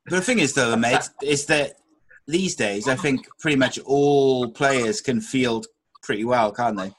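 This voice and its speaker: A man's voice: medium pitch, unhurried, breathy edge. A man from Wales hosting a podcast in casual, teasing, matey sports chat. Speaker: podcast host.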